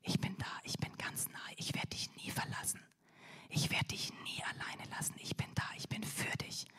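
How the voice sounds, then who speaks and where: A woman voicing Jesus in a whispered role-play, speaking softly and soothingly close to the ear. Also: normal speed, lightly acted. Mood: tender.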